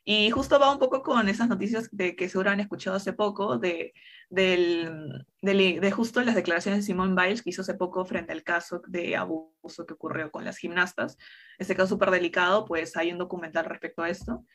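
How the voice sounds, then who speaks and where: Young woman, relaxed co-host. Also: on the low side, fairly quick. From Peru. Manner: relaxed, conversational, with many fillers. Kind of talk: casual talk show chat.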